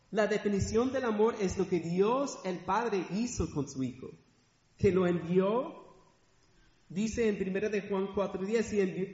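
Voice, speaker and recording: A man's voice: sits high, darkish tone. A middle-aged man preaching a sermon in a church hall, asking the congregation rhetorical questions. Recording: echoey hall, dull sound.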